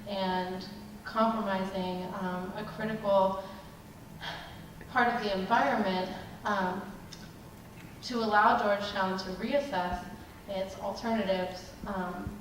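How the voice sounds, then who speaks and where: A woman from Southern Maryland giving a measured public comment at a hearing, pausing often with ums. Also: mid-range voice, steady tone. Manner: measured, halting with many ums. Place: large public meeting room. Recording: echoey hall from a distance, background noise.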